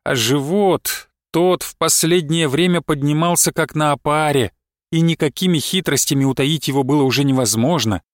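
A man narrating literary prose in a measured, expressive audiobook reading. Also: fairly high pitch, no room sound, studio quality.

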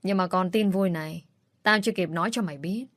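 A scheming middle-aged stepmother sneers and threatens in a dry, close audiobook reading, voiced by a woman narrator. Her voice sits low for a woman. She speaks with open contempt. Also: brisk, dry recording, natural voice. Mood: scornful.

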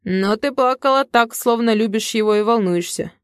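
A woman voicing a young male coach who speaks calmly and reassuringly. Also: on the high side, normal speed, smooth, dry recording, clean studio sound, close to an everyday voice. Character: easygoing young male coach, gentle friend.

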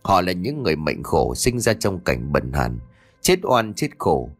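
A man voicing a stern old male Taoist exorcist, who speaks slowly, solemnly and gravely. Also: low-pitched, sing-song, soft background music, pitched below the performer's own voice, heavily acted.

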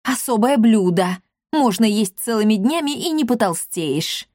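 A woman's voice: on the high side, expressive, a little slow, a little mellow, dry recording, clean studio sound. A woman voicing a bossy, eccentric old woman who drawls and exclaims. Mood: gleeful.

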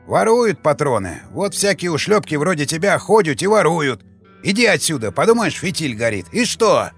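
A man voicing a grumpy, half-deaf old sentry who shouts and curses. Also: on the high side, very animated, moderate pace, husky, soft background music, exaggerated voice. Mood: cantankerous shouting. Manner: shouting, cursing, indignant.

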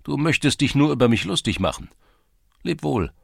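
A man's voice: mid-range voice, animated, normal speed, vocal fry, no room sound, clean studio sound, pitched above the performer's own voice. A man voicing an ardent young lovesick Cossack in an audiobook, pleading and tender. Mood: hurt. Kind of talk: audiobook character reading.

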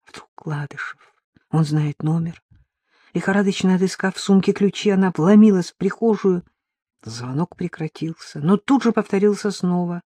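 A woman narrating an audiobook in an expressive storytelling manner. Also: on the low side, no room sound. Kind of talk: scripted narration.

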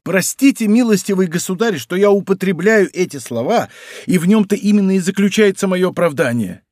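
A man's voice: high voice, expressive, fairly quick, a little mellow, no room sound, studio quality, voice pushed up. A man voicing a frightened, servile innkeeper who pleads and whines. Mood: anxious. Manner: whining, servile.

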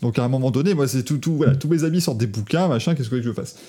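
A man's voice: mid-range voice, rapid-fire, crowd noise. A man hosting a casual motorsport chat, joking and laughing often, with many restarts. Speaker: podcast host.

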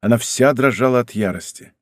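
A male audiobook narrator reads a historical novel in a measured, expressive way. His voice sits at a middle pitch, and the studio sound is close and completely dry. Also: no room sound. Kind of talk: scripted literary narration. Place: recording studio.

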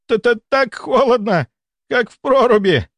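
A man's voice: very high voice, animated, slow pace, dry recording, voice pushed up, heavily acted. A man reading aloud, voicing a feverish male patient who screams and stammers through chills and pain. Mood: shivering. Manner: screaming, stammering with chattering teeth.

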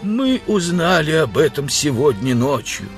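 A man's voice: on the high side, sing-song, faint music behind, pitched above the performer's own voice. A man doing a moaning, dying stranger. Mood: weary. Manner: groaning, slow.

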